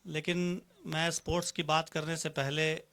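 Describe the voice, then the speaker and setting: A man with a high-pitched voice speaks as a panel guest on a news discussion. He argues in a formal, rhetorical way, acting out examples by shifting his tone, and mixes Urdu-flavoured Hindi with English phrases. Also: little pitch movement, moderate pace, a bit bright, clean tone.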